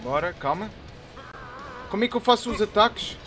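A young man with a European Portuguese accent giving excitable, trash-talking commentary while playing a wrestling game. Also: sits high, moderate pace, over music. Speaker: gaming YouTuber. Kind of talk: live gameplay commentary.

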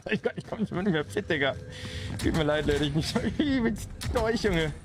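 A young man livestreaming a shooter game, talking in slang, greeting viewers and getting excited at the action. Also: on the high side, normal speed. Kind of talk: live gameplay commentary. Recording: game sounds and noise behind. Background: game sound effects, vehicle noise.

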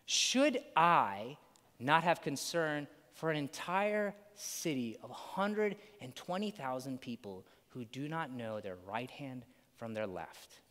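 A man voicing God, speaking calmly and in a measured way to a sulking prophet. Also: a little high, in a large hall.

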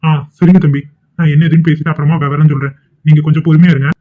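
A man's voice: a little high, little pitch movement, racing, close to an everyday voice. A man voicing a stern middle-aged father in a cartoon, scolding and commanding. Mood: polite. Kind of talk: cartoon voice acting. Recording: tinny phone-like audio.

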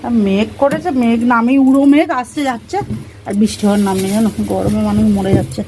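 Woman chatting thru her chores on a home vlog, kinda high voice, noisy kitchen with stuff frying. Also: lively intonation, fast. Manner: chatty, narrates chores while cooking. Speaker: vlogger. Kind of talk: casual home vlog chat. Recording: noisy room with frying sounds.

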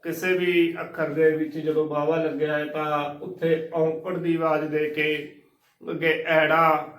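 A man teaching the correct pronunciation of sacred scripture, spelling out each word slowly and methodically and repeating it. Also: fairly high pitch, level tone, fairly bright tone. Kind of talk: religious pronunciation lesson. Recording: echoey room, voice from a distance.

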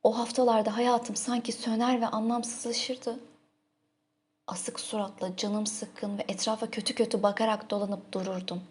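A woman narrating a literary audiobook in a soft, intimate, emotive manner. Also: a little high, level tone, moderate pace.

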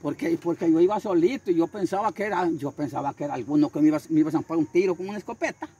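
An older man, a street preacher, telling his story in a husky voice with fervent repetition and acted-out voices. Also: on the high side, rapid-fire, mellow. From Honduras. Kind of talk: storytelling interview.

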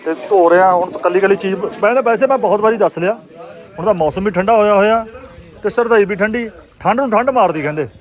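High-pitched hearty Punjabi man vlogging. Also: fast. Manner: hearty, bantering with companions. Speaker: vlogger hosting. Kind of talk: casual vlog commentary. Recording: chatter of a group behind.

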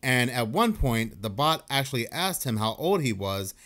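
A man at an average pitch doing casual online commentary. He reads news excerpts and message logs aloud in a loose, conversational way, leaning on fillers. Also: very animated, normal speed, fairly bright tone. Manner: conversational, uses fillers like basically. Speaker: YouTube commentator.

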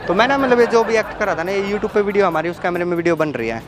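A man's voice: high-pitched, animated, very fast, music in the background, crowd noise. A man playing a prank on a stranger, scolding and ordering her around in a bossy way, recorded outdoors in a park. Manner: bossy, scolding, talks over others. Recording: outdoor traffic noise.

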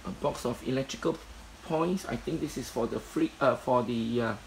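A man's voice: medium pitch, normal speed, vocal fry, slight background noise, rough recording. A man walks through an indoor storage unit, filming on a handheld phone and listing its contents plainly, with many fillers. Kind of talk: walkthrough commentary. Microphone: phone camera held in hand.

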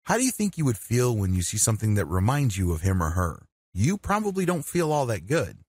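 A man narrates a guided meditation lesson from a script in a deliberate, measured way. His voice is on the low side and husky, with lively swings in intonation. The sound is very dry. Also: no echo. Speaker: meditation instructor.

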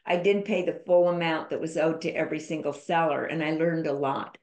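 A woman's voice: low-pitched, level tone, fairly quick, darkish tone. A woman guest on a podcast, telling a personal story in an emphatic, candid way. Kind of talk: conversational storytelling interview. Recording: roomy echo.

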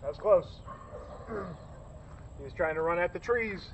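Middle-aged man, Northeast Ohio accent, fairly high voice, excited chatty fishing commentary, outdoor camera audio, clear background noise. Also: unhurried. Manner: excited, joking, loose and chatty. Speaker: fishing vlogger. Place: lakeshore outdoors in the rain. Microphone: camera on a stand, bagged against rain.

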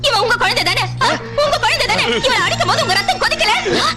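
Fierce high-pitched young wife. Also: female voice, lively intonation, quick pace. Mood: angry. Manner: shouting, scolding, emotional. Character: fierce young wife, quick-tempered and combative. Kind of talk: Tamil film drama. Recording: loud film music behind.

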